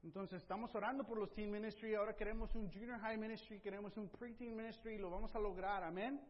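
Man, middle-aged pastor, exhorting sermon, high voice, dull sound. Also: steady tone, fast talker. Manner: exhorting, frequent "amén", drops to soft emphasis at phrase ends. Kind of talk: bilingual church sermon. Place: church sanctuary. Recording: dull, roomy church hall recording.

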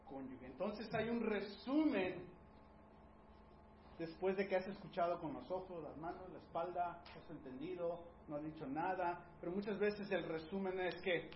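A man with a somewhat high voice preaches to a congregation on listening in marriage. He turns to the audience with questions and acts out short exchanges between spouses. The sound is roomy and dull, with faint noise behind it. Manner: talks to the audience directly, acts out sample dialogues. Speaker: pastor teaching on marriage. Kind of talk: sermon-style teaching talk.

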